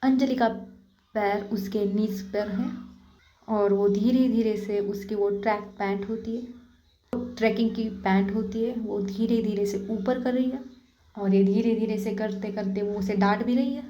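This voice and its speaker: A woman's voice: mid-range voice, fairly even intonation, measured pace, warm tone, a little hiss or hum. A woman narrating a love story in a casual, chatty way, with direct asides to listeners. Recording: echoey room, dull lo-fi.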